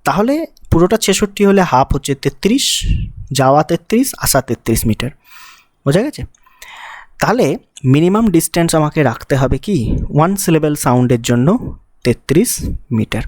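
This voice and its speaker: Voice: medium pitch, big pitch swings, fairly quick, pauses often, darkish tone, dry recording. A physics teacher gives an exam-prep lesson. The teacher explains step by step, mixes English technical terms into the talk and asks the student rhetorical questions.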